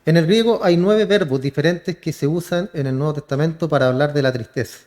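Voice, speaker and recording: A male pastor with a Chilean accent delivers a sermon. His voice sits a little high for a man. He keeps addressing the congregation directly and asking them rhetorical questions. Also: brisk, darkish tone. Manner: calls the congregation brother, asks rhetorical questions.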